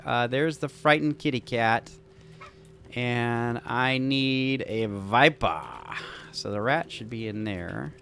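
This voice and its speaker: A man's voice: medium pitch, fairly bright tone. A man casually talking through building a game scenario, thinking aloud with enthusiastic, rambling asides. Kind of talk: casual gameplay commentary.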